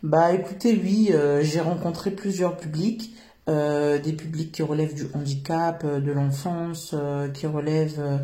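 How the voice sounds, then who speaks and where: Speaking a little slowly in a low, warm voice with fairly even intonation, a middle-aged woman from France describes her work in an interview. She founded a social work business and answers earnestly but hesitantly, filling gaps with lots of filler sounds.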